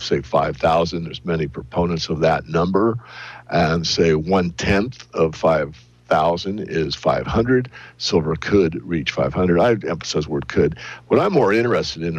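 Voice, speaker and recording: Very deep-voiced man, husky and dry. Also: no echo, dull audio. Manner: deliberate, hedging, analytical. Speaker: interview guest, silver analyst. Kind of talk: measured interview answers.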